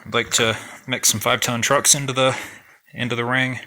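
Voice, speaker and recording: Sharp, bright-voiced man in a mine. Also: medium pitch. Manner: relaxed, plain-spoken, halting with fillers. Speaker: mining vlog host. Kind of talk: casual on-site walkthrough. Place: underground mine tunnel.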